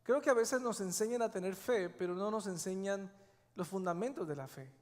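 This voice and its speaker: A man with a high voice preaches from the pulpit of a church. He stresses and repeats his key phrases, and his words ring on in the long reverb of the sanctuary. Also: moderate pace. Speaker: pastor. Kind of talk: sermon.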